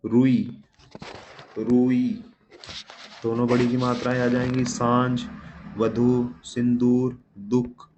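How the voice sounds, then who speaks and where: Slow-talking man teaching spelling. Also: medium pitch, completely flat delivery. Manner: explains step by step, asks and answers his own questions; repeats each word and checks with "ठीक है". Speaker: Hindi exam teacher. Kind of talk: spelling lesson walking through words. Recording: dull lo-fi audio with faint room noise.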